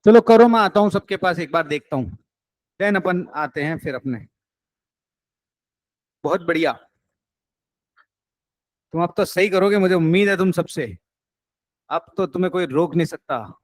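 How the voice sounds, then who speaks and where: High-voiced man teaching accounts class. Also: lively intonation, a little slow, pauses often, no room sound. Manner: coaxing and encouraging, mixing English terms.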